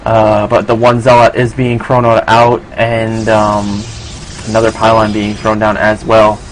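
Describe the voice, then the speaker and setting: A man's voice: on the low side, a little slow, slight background noise, poor audio. New York man casting a game. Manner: relaxed, filler-heavy, casual. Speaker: esports commentator. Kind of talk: solo play-by-play commentary.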